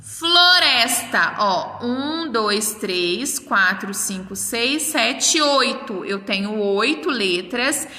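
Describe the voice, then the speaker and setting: A woman's voice: on the high side, lively intonation, very slow, hardly any pauses, pushed and bright. A woman teaching a primary school class remotely, speaking in Brazilian Portuguese, patiently sounding out and counting words for young children. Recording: roomy echo, mic at a distance.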